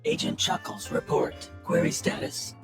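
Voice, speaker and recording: An actor playing a malfunctioning male robot agent in a video game. His voice is run through a robotic filter and he speaks in clipped, flat machine commands that break down into repeated errors. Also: measured pace. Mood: mechanical. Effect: robotic voice filter, glitching into repeated errors. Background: game music.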